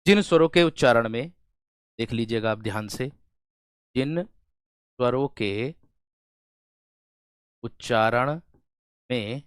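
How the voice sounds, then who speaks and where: A man's voice: mid-range voice, slow, pauses often, clean tone, no echo, studio quality. Unwell male teacher, call-and-response. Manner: repetitive call-and-response, addresses students as friends. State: feeling unwell. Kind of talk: online exam-prep lesson.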